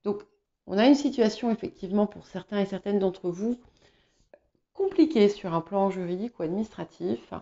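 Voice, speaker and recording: A woman who speaks English natively hosts tarot guidance videos, giving an informal reading hesitantly and reassuringly while often searching for words. Her medium-pitched voice has a dark tone at normal speed, and the recording sounds slightly dull and muffled.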